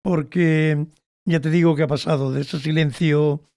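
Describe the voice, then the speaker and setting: A man, a biographer, speaking as an interview guest in an earnest, measured way and often agreeing. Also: a little high, fairly even intonation, mellow, no echo, clean studio sound. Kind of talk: casual conversational interview.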